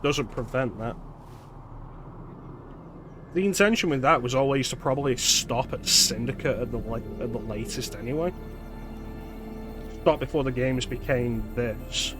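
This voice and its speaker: A man's voice: medium pitch, unhurried, long pauses, over music. A man streaming a video game, giving casual live commentary as he plays.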